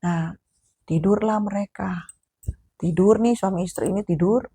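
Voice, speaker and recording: A woman's voice: medium pitch, measured pace, dark tone, breathy edge. A woman with a Sundanese accent casually telling a horror story, chatty and addressing the listener directly as she goes.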